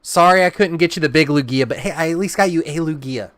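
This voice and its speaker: A man's voice: fairly high pitch, fast talker, a bit bright, clear, resonant tone, no room sound. A man hosting a live card-opening stream, chatting and teasing his co-host in casual banter.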